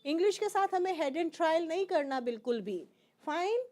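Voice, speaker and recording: A middle-aged woman with an Indian English accent teaches pronunciation, mixing Hindi and English. Her voice is very high, animated, and a little mellow at a measured pace. She explains patiently, repeats each word, and checks in with "fine?"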